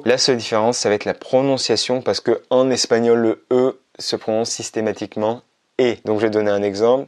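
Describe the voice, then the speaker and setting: Low-voiced man teaching a Spanish lesson. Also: darkish tone. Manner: clear, patient explanations with slow repeated examples. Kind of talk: scripted lesson to camera.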